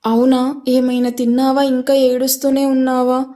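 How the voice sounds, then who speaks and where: A woman's voice: sits high, monotone, moderate pace, dark tone, natural voice. A woman voicing a worried young man pleading with a friend over the phone in a narrated story.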